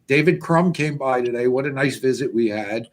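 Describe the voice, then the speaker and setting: A man's voice: mid-range voice, moderate pace. An American man co-hosting a casual show in a friendly, welcoming manner. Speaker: show co-host. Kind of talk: casual chat.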